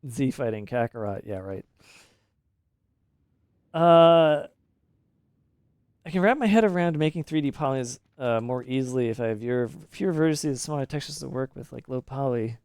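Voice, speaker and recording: A man's voice: medium pitch, animated, moderate pace, long pauses, a little mellow, clean tone, no room sound. A man in his thirties streaming a game live, talking in an opinionated, ranty way with casual swearing.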